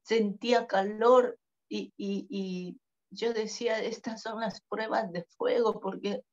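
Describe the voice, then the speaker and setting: A woman giving a halting, earnest personal testimony at a church Bible study, repeating her pleas. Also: mid-range voice, steady tone, dull audio.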